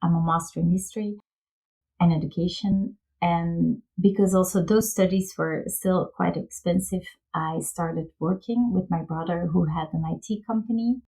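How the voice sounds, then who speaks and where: A woman's voice: on the low side, steady tone, normal speed, dark tone, low-quality recording. Chatty Belgian woman, guest on a podcast. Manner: chatty, laughs often, searches for words. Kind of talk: casual interview.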